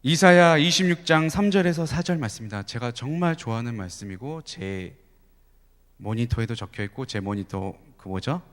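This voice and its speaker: A man preaching a sermon at a youth service, animated, with frequent rhetorical questions and occasional soft asides. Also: mid-range voice, normal speed. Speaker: youth pastor. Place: large church sanctuary. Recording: long church hall reverb.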